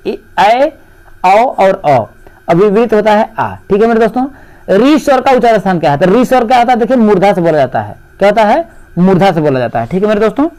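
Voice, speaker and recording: High-voiced man talking through an exam lesson. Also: a little mellow, rough recording. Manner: rhetorical questions answered himself, repeats "dekhiye" and "mere doston". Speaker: teacher. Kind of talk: exam paper walkthrough lesson.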